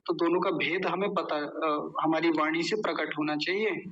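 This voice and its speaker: A man's voice: on the high side, fairly even intonation, a bit bright, dull audio. A man teaching Sanskrit verse pronunciation, breaking words into syllables and repeating them patiently for listeners to echo. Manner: slow syllable-by-syllable drilling, patient and explanatory. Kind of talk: pronunciation lesson with call-and-response drilling.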